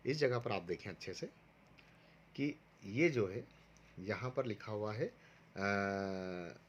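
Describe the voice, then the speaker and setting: A man's voice: fairly low pitch, expressive, slow pace, lo-fi sound, a little hiss or hum. A man teaching a recorded online lesson to first graders, patiently going step by step and sounding out syllables for pupils to repeat. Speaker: primary school teacher.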